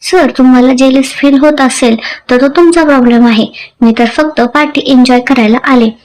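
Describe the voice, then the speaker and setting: A woman's voice: sits high, steady tone, moderate pace, darkish tone, a little hiss or hum, lightly acted, poor audio. A woman voicing a playful, bold young wife in a read-aloud story, speaking with an innocent, teasing tone.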